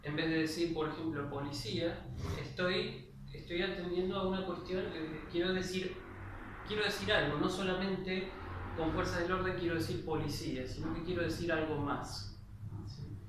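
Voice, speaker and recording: A man's voice: high voice, steady tone, normal speed. A man giving a spoken grammar lesson, explaining patiently and checking in with his listeners. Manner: explanatory, with frequent "¿sí?" checks and restarts. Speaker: lecturer. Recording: very echoey, distant mic, faint noise.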